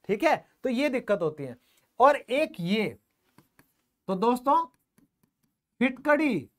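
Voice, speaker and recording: This is a man with a noticeably high voice giving an online classroom lesson. He keeps addressing his viewers as friends and quizzes them with questions he answers himself. He repeats each key word for them. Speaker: English teacher.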